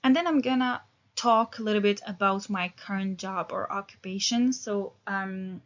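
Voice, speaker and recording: Teaching an English class, a thirtysomething woman speaks at a moderate pace in a medium-pitched voice, loose and hesitant with frequent fillers and false starts. The recording is muffled.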